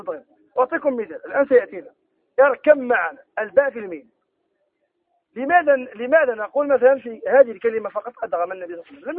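A man teaching a Quran recitation lesson, explaining rules with questions to his students and reciting the examples slowly. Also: extremely high pitch, slightly rough, narrow, tinny audio. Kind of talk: tajweed lesson.

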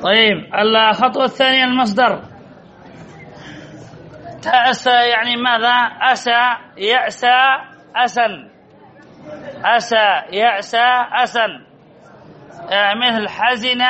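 Guy teaching grammar to a class, keeps repeating answers back, very high bright voice, murmur of a few people behind. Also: steady tone, a little slow, long pauses, muffled recording, some chatter behind. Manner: drills by repeating answers, quizzes students. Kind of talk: classroom lesson with questions to students.

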